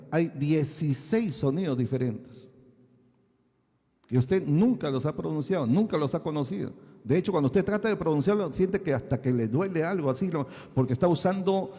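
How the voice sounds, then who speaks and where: Pastor teaching in a reverberant hall. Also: male voice, a little high, warm tone. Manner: asks the congregation many checking questions. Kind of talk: teaching sermon.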